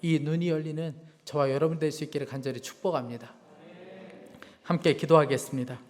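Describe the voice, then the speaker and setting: A man's voice: on the high side, steady tone, brisk. A man preaching a sermon as pastor, earnest, rising into fervent prayer. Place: church sanctuary. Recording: long church hall reverb with soft music.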